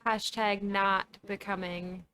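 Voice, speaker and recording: A woman's voice: medium pitch, flat delivery, slow, sharp tone, clear, resonant tone. A woman co-hosting a casual podcast chat, easygoing with dry replies. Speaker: podcast co-host.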